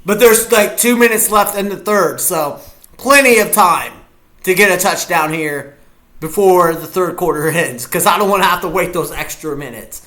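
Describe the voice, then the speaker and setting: A man's high-pitched, sharp voice comes at a moderate pace as he reacts live to a football game. He's a chatty, goofy streamer who keeps talking to his viewers.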